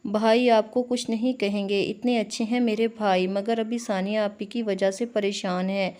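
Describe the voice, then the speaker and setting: Woman reading friendly caring young sister-in-law, coaxing, warm mellow voice, storybook. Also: mid-range voice, fairly even intonation, normal speed, close to an everyday voice. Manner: friendly, persuasive.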